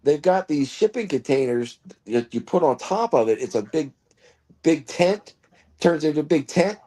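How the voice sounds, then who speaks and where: A man's voice: fairly high pitch, animated, normal speed, dark tone. A man in his fifties hosting a casual live-stream chat, rambling through stories and chuckling often. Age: 50s.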